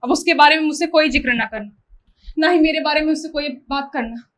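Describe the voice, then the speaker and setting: High-voiced flustered young wife, played by a woman. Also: fairly quick, a bit bright. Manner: eager, flustered protests. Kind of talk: stage play acting.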